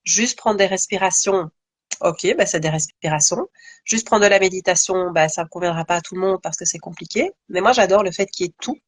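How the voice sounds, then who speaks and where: A woman's voice: on the low side, brisk, no room sound. Thoughtful woman in dry close sound. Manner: thoughtful, many fillers and restarts. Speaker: guest, yoga teacher. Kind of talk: conversational live interview.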